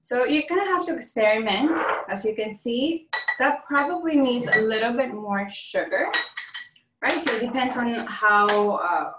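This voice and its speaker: A woman demonstrating a do-it-yourself oil blend in a casual class, chatty and quick to laugh. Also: fairly high pitch, heavy background noise. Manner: chatty, laughs often, upbeat. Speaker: essential oils class host. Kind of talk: hands-on demonstration with chat. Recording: roomy, distant from the mic.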